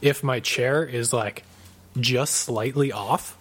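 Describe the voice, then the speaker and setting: A man co-hosting a podcast in rambling, joking chat, with a rough sick voice from a cold. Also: mid-range voice, takes it slowly. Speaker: podcast co-host. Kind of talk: casual chat.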